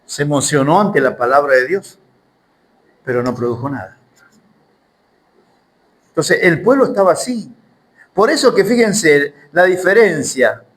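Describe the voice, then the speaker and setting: Preacher, male, high-pitched voice, emphatic sermon delivery with rhetorical questions. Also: expressive, measured pace, pauses often, fairly bright tone, low-quality recording. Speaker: Bible teacher.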